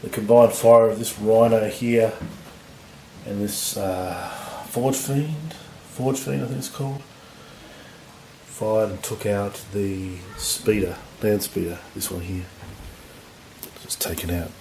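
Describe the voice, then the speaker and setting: A man with a husky voice from recent illness, giving relaxed, rambling commentary on a tabletop battle. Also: fairly low pitch, takes it slowly. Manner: relaxed, rambling, lots of fillers. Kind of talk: casual game commentary. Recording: echoey room with faint noise.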